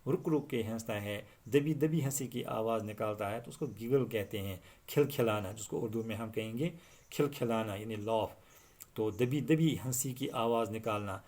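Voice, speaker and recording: A male teacher explaining an English lesson to students, reading each English line slowly and then explaining it at length. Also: lowish voice, darkish tone.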